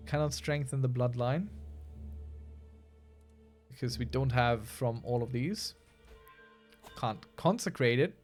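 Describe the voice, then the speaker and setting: A man's voice: mid-range voice, slow pace, long pauses, faint music behind. A man casually commenting as he plays a strategy game, chatty and wry, answering his chat as he goes. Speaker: streamer playing a strategy game.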